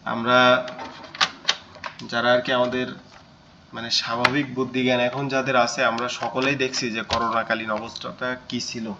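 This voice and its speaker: A man leads a Quran reading lesson in a slow, unhurried delivery, carefully drilling each syllable and repeating every word three times. His voice is bright and forceful, and the recording is a little dull and lo-fi. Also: mid-range voice, a little hiss or hum. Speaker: Quran teacher.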